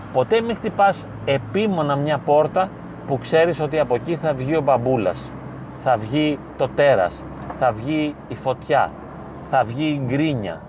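A man, a psychologist, gives advice straight to the listener in an emphatic, repetitive way, with slow, weighty phrasing. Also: mid-range voice. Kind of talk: direct-to-camera advice monologue. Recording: slightly dull lo-fi sound with faint street noise.

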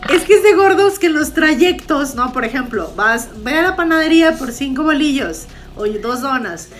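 A young Mexican woman co-hosting a casual comedy podcast, animated and laughing, heavy with slang and swearing. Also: high-pitched, moderate pace, soft background music. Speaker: podcast co-host.

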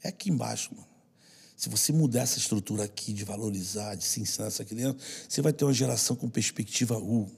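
A man's voice: on the low side, fast, gravelly, a little mellow, slightly rough. A man with a Brazilian Portuguese accent, a guest in an interview telling personal stories in an earnest, slangy way. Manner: earnest, slangy, repeats for stress. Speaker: guest who works with children. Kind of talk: emotional interview storytelling.

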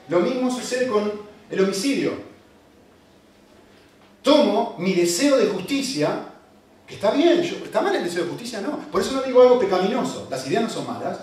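A man's voice: sits high, quick pace. A man preaching a sermon with emphatic repeated refusals, sounding like a preacher speaking to a congregation. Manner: animated, emphatic repetitions of "no". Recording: echoey hall, distant mic, faint ambience.

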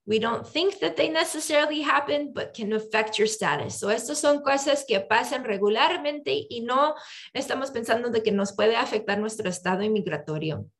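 An immigration attorney presents a bilingual online seminar from home over a video call microphone, moving back and forth between English and Spanish with frequent ums. Her voice is a little high and a bit bright, with lively intonation at a moderate pace.

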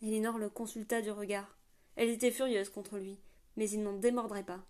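Woman audiobook narrator, measured, soft, mid-pitched. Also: flat delivery.

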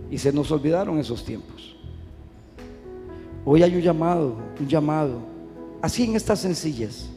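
A man with a fairly high voice preaches with fervor, hammering repeated phrases. His voice rings out with a long reverb in a large church hall, with soft music underneath. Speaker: pastor. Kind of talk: sermon.

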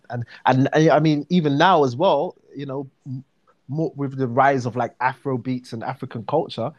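A man with a South London accent in a relaxed casual chat, full of fillers and restarts. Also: medium pitch, dull audio. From South London, England.

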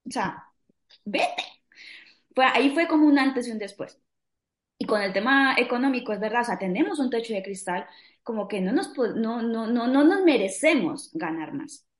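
A woman's voice: fairly high pitch, lively intonation, normal speed. Colombian woman in her 40s telling stories, plays out both sides, a bit of room echo. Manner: frank, storytelling, acts out dialogue. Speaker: guest. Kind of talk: casual interview chat. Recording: roomy echo.

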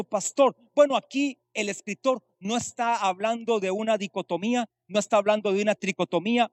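A man's voice: high voice, dry recording. A male pastor preaching a sermon, explaining Greek words and asking rhetorical questions.

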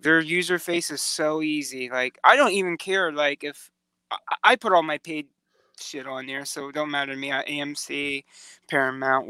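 Bright, crisp man talking slangy. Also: on the high side, no room sound. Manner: slangy, swears, halting restarts. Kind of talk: casual chat.

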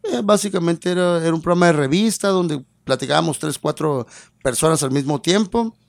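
Lively Mexican man, dry close sound. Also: a little high, fairly quick, creaky, dry recording. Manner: lively, acts out quoted dialogue in changed voices. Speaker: radio personality and voice artist. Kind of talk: casual interview storytelling.

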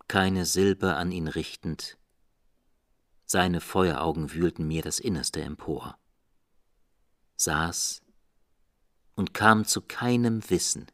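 A man's voice: deep voice, fairly bright tone, no echo, clean studio sound. A man giving a dramatic, declamatory recitation of a poem in a theatrical manner.

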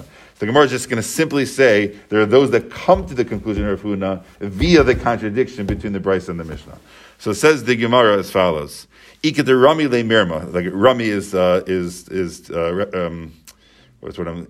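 Man teaching a Talmud class, low voice. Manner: explains step by step, repeats and restates points.

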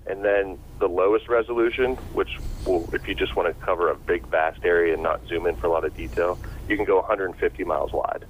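A man with a very low voice comes through a dull, muffled phone line with faint noise behind him. He explains things patiently and step by step, like a guest walking a host through a topic. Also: steady tone, brisk, few pauses. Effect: heard over a phone line. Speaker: guest expert.

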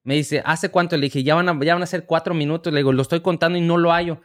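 A man in his thirties, a podcast co-host telling a story in lively casual chat and acting out the voices. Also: a little high, quick pace. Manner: animated storyteller, acts out voices, swears freely.

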